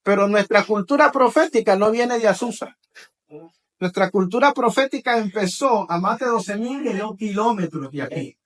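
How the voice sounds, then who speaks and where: A man's voice: high-pitched, lively intonation, normal speed, fairly bright tone. A man preaching to a congregation, leading call-and-response and tagging his phrases with "¿verdad?". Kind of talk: teaching sermon to a congregation.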